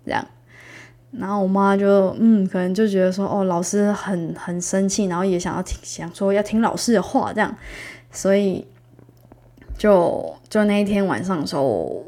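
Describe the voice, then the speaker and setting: A woman's voice: mid-range voice, mellow. A young woman with a Taiwanese Mandarin accent tells a personal story to her audience. She talks in a chatty, casual way, laughs along as she goes, and acts out the voices of the people she quotes.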